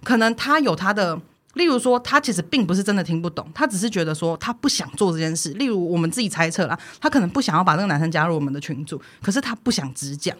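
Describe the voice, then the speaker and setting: A young woman chats on a podcast, spinning exasperated workplace-style anecdotes. Her delivery is quick and swings widely up and down in pitch, breaking into laughter often. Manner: animated storytelling, frequent laughter, exasperated complaining. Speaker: podcast co-host. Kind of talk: casual chat.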